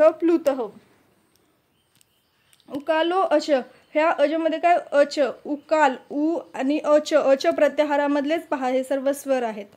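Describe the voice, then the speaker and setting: A woman's voice: sits high, darkish tone. A woman teacher explaining grammar step by step, asking questions and answering them herself. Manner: asks questions and answers them herself, repeats key terms.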